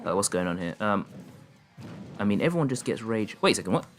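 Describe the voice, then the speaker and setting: Excitable male game streamer, faint music. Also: fast. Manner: excitable play-by-play, pitch jumping up on big moments, laughing often. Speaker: streamer and commentator. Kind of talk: live-stream game commentary and chat.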